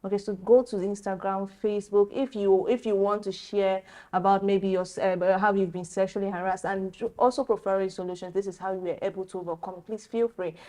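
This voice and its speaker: A woman hosting a studio talk show, chatting lively with guests and signing off to viewers. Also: medium pitch. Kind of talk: casual studio chat.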